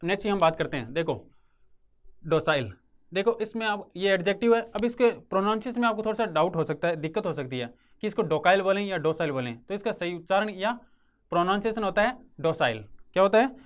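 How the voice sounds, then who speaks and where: Rajasthani-accented guy teaching english vocab, fairly high voice, keeps repeating words and asking himself questions. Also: animated, quick pace. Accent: Rajasthani Hindi. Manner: repeats words, asks and answers his own questions. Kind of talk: vocabulary class for exam prep.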